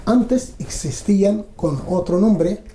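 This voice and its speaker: A middle-aged man from Palestine, giving a measured, halting personal testimony with pauses for a documentary. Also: sits high, dark tone. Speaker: documentary interviewee. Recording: roomy echo, faint background hum.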